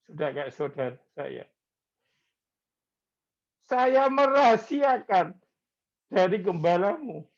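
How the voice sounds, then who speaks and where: A male pastor, preaching in a slow, conversational way and mixing in words. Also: high voice, sing-song, highs cut off. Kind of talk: sermon.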